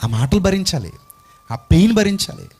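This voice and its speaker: Impassioned male preacher, very animated. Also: sits high, normal speed, slightly rough, faint music behind. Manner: impassioned, fires rhetorical questions at the congregation. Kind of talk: emotional sermon.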